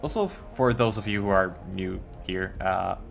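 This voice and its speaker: A young Finnish man with a Finnish accent chats casually on a game live stream while building, tripping over his words. His voice sits low and sounds creaky, he speaks at a moderate pace, and soft music plays in the background.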